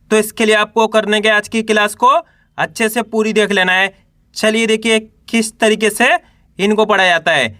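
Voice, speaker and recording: A man's voice: sits high, pushed and bright, no echo. A man teaching Hindi reading step by step, sounding out syllables and asking and answering his own questions. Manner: Hindi teacher using colloquial "apan" for "we".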